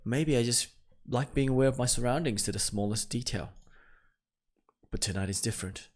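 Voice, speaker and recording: A video game streamer with a mid-range voice, speaking at normal speed, does let's-play commentary and reads game text aloud. He is jumpy, exclaiming nervously between the passages he reads out.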